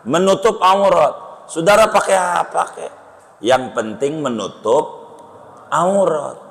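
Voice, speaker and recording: A man preaching a sermon, joking and conversational, with sudden jumps in pitch. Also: slow, gravelly. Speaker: Islamic preacher. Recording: long hall reverb.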